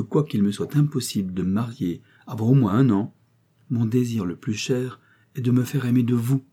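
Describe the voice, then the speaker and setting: A man's voice: medium pitch, warm tone, husky, close to an everyday voice. A man voicing a poor young baronet who passionately declares his love in a read-aloud novel, in a pleading, ardent way.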